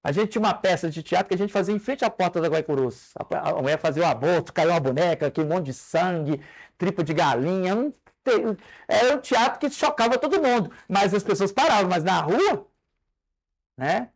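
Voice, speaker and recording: A Brazilian man preaching a sermon to his congregation, conversational and animated, with jokes and stage demonstrations. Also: high-pitched, a little fast. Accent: Brazilian Portuguese.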